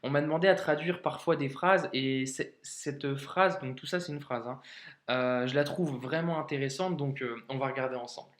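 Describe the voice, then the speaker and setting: Here a man with a mid-range, slightly bright voice gives an informal Arabic reading lesson on video. He speaks with many hesitations and breaks words into syllables as he sounds them out, all in an echoey room.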